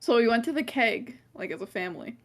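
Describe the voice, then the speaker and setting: Lively woman telling a story. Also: on the high side, a little fast. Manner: animated storyteller, laughs often. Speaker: podcast co-host. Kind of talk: casual chat.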